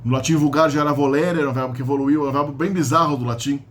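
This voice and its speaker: A man's voice: fairly high pitch, steady tone, very fast, a bit bright, slight background noise. A man with a Brazilian Portuguese accent giving a casual spoken grammar lesson, explaining step by step with frequent "né?" and "tá?" tags. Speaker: language teacher.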